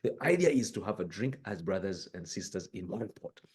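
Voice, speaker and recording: Speaking a bit quickly in a low, sing-song voice that's slightly mellow and breathy, this executive from northern Uganda discusses purpose earnestly and emphatically, often using fillers. The setting is a reflective, conversational interview podcast, with books visible behind him in the room.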